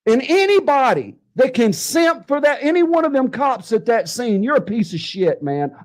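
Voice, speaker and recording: A man in an angry, profane off-the-cuff rant, repeating himself and cursing at other channels. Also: very high-pitched. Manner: furious, profane, repetitive. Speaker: livestreamer ranting at other channels.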